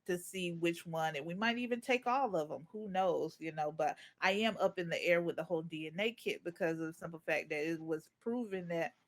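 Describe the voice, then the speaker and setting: A man's voice: a little high, brisk, hardly any pauses. A man on a podcast, talking casually and earnestly about family with "like" fillers. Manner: earnest, easygoing storytelling with "like" fillers. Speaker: podcast guest. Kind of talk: casual chat.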